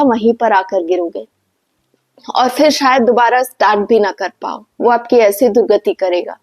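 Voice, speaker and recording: Woman, spiritual speaker, earnest and instructive, slightly high voice. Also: darkish tone. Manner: earnest, instructive, asks rhetorical questions. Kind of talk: devotional motivational talk.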